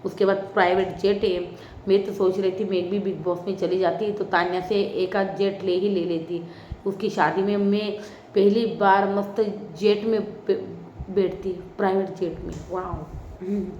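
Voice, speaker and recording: A woman's voice: mid-range voice, fairly even intonation, unhurried, a little mellow, slight background noise. A woman giving a casual, opinionated spoken review of a reality show, talking straight to her viewers. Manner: chatty, opinionated, addresses viewers directly. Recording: roomy, slightly dull recording.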